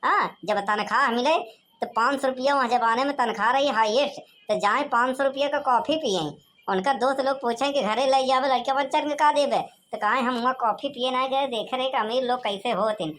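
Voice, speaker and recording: A high-pitched woman speaking in a thick Awadhi accent. She rattles through village cartoon comedy with brash, teasing banter and sharp scolding. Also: a little fast. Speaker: cartoon voice performer. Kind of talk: rustic cartoon comedy dialogue.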